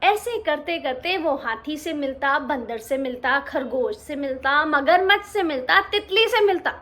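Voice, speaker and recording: A woman reads a children's story slowly and expressively, with a very high, bright voice. She often pauses to ask her young listeners questions. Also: lively intonation.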